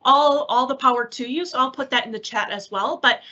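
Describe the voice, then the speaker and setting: A high-pitched, pushed and bright voice comes from a woman explaining a product as a technical presenter in a conversational webinar. She speaks a little fast and stays informal, upbeat and encouraging. The sound is the slightly dull kind typical of online meetings.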